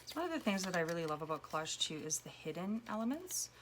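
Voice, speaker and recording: A woman giving casual commentary while making a collage, a little hoarse as she loses her voice, dropping to a whisper as she works. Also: lowish voice, big pitch swings, fast talker, slight background noise. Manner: chatty, drops to a whisper while working. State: losing her voice. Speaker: collage artist.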